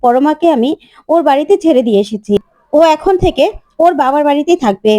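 A woman playing a grown son torn up by family troubles, pleading and emotional. The voice is high and mellow, with a dry sound. It is told as part of a spoken serial recap. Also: expressive, fairly quick, dry recording. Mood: distraught.

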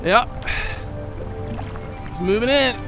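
Filmed on an action camera mounted to his kayak, a vlogger paddles a flooded river and narrates casually over loud background music. His high voice is slow and gravelly, and he sounds relaxed as he explains paddling tips.

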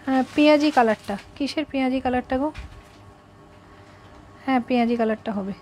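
Selling saris live, a woman shop owner talks chattily to her viewers, responds to them directly and keeps restating the prices. Her voice is high-pitched, brisk and a little mellow, with faint music in the background.

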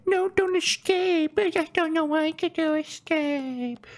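A weeping male villain boss from a video game whines and pleads in a thin, squeaky falsetto, as a man puts him on. The voice sits far above normal speaking pitch, with a begging, breathy sound. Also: measured pace, noisy background. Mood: pleading.

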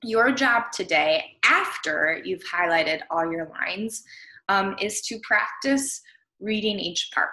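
Recording a video through her computer webcam in a small room at home, a young American woman who teaches primary school takes it slowly as she breaks a reading task into simple steps for children over screen-share. Her voice is medium in pitch with a sharp tone, and the home mic sounds roomy.

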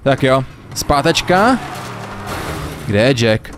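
Young male let's player, wildly expressive pitch, cussing, desk mic. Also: music in the background. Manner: animated, swearing, laughing a lot. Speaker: gamer, let's play host. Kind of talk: let's play commentary.

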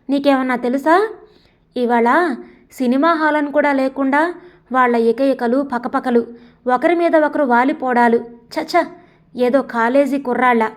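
A woman voicing an outspoken friend who scolds with rapid questions. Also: high voice, natural voice.

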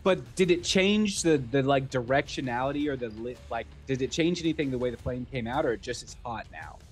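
A man's voice: mid-range voice, brisk, faint music behind. Casual man talking through his game turn. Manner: casual, stating moves step by step, swears. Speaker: player. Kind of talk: casual tabletop game talk.

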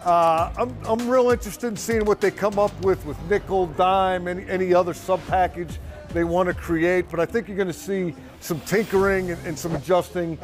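In relaxed sideline chat at an outdoor practice field, a man in his sixties, a team reporter, talks through his analysis with a conversational manner and occasional dry humor. His high voice keeps fairly even intonation at a moderate pace, with soft music in the background.

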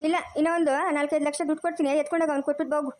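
A woman acting as an older village mother, fretful and sharp-tongued. She rattles her lines off quickly in a high voice, and she talks like a home-made family drama. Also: little pitch movement, natural voice. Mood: scolding. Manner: scolding, fast and sharp-tongued.

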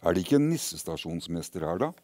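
A man's voice: low-pitched, very animated, a little mellow, dry recording. A man voicing a small, stubborn, cheerful little boy who believes in Christmas elves, in a storybook reading. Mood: eager.

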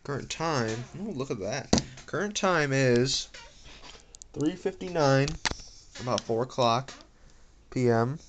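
With lively intonation and a medium pitch, a man takes it slowly and pauses often as he narrates a gadget setup. He's an amateur reviewer in a small room at home, casually muttering to himself and voicing the screen prompts. Device clicks and faint background noise run underneath.

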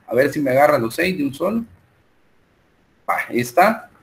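The voice is male, fairly high, gravelly, and very animated, with a Salvadoran Spanish accent. He's running an online math class, taking calculations and a spreadsheet slowly and step by step while filling his speech with fillers.

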